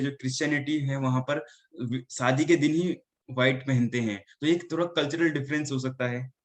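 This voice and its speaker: Man teaching an online class. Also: medium pitch. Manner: mixes Hindi and English, keeps asking "ठीक है?". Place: indoor room.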